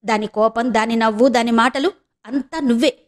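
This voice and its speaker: A sharp-tongued, defensive grown daughter, as a woman narrator puts her on in an audio novel. She retorts in a raised, clipped voice pitched on the high side. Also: fairly even intonation, normal speed, natural voice.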